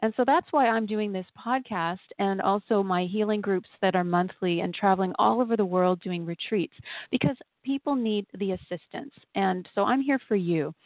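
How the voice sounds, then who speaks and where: A woman hosting a spiritual podcast, speaking in a soothing, gentle, unhurried way with pauses, like a guide leading a meditation. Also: mid-range voice, no echo. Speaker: podcast host and channeling healer. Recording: thin phone-like sound.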